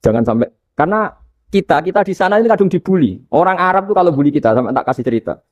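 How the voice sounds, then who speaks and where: A man with a Javanese accent giving a casual religious lecture, telling lively stories and chanting Arabic examples. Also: fairly high pitch, very fast, highs cut off. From Indonesia. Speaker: Islamic preacher.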